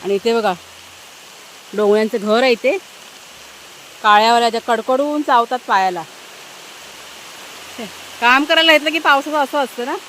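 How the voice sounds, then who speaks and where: A woman's voice: a little high, normal speed, long pauses, fairly bright tone, a little hiss or hum. A woman family vlogger chatting casually to her viewers while she works outdoors in a village garden, talking fondly to her dogs, recorded on a handheld phone.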